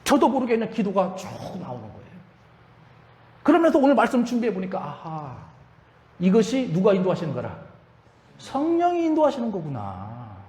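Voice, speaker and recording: A man's voice: high-pitched, huge pitch swings, normal speed. A man preaching a sermon as pastor, often asking the congregation questions and raising his voice when quoting. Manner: asks the congregation questions, rising to shouts in quotes. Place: church sanctuary. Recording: echoey church hall reverb.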